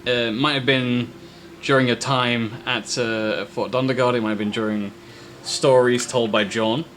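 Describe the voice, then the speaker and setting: A man acting as game master, telling an improvised tabletop adventure in short, halting, descriptive phrases. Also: medium pitch, steady tone, fairly bright tone. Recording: faint background noise.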